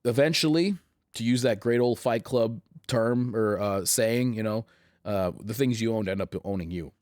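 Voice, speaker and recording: Guy hosting his own show, scratchy lowish voice, halting and earnest, dry sound. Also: a little mellow, no room sound. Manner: halting, restarts often, earnest and reflective. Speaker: host. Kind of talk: casual chat to camera.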